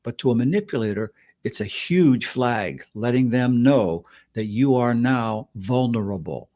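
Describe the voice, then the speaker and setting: A man co-hosting a podcast, explaining points in a measured, conversational way. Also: medium pitch, expressive, warm tone. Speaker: co-host.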